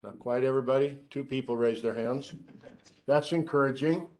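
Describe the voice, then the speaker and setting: A middle-aged research scientist delivers a seminar lecture to students, describing his own voice as monotone and slipping in dry, joking asides as he poses questions to the room. His voice is mid-range, his speed normal, and the recording is rough.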